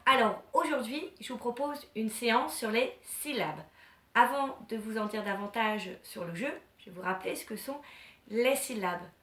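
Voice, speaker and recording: A woman teacher giving a lesson to young children, encouraging them and pronouncing words slowly and clearly. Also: fairly high pitch. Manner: warm, encouraging, slow and clearly articulated; syllables stretched and repeated for children.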